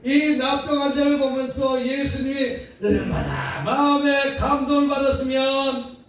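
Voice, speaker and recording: A man's voice: very high voice, unhurried, fairly bright tone. A male pastor preaching a revival sermon in a prayer house hall, speaking in a folksy way with rhetorical questions and call-and-response lines that draw answers from the congregation. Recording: very echoey hall, distant mic, faint noise.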